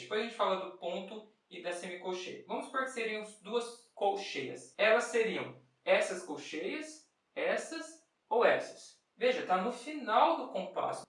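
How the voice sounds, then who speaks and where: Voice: medium pitch, a bit bright. A music teacher, patiently explaining rhythm step by step, asking and answering their own questions and chanting rhythm syllables. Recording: very echoey room, mic far off.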